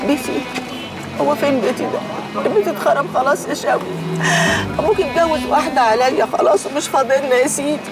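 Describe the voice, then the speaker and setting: Egyptian mother, worn down, actress, rapid speech, drama score. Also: sits high, close to an everyday voice. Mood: weary. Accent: Egyptian Arabic. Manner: weary, defensive. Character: weary mother selling by a mosque, middle-aged. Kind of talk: TV series acting. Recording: drama music behind.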